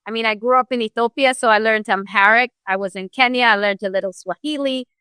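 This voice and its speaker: A woman from Ghana, a real estate broker, telling her story as a guest in an earnest, animated way, with many fillers. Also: on the high side, fast, clean tone, no room sound. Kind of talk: casual interview storytelling.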